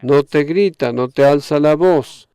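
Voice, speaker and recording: Slow, measured male preacher. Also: fairly high pitch, dark tone, clean tone, no room sound. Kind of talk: sermon.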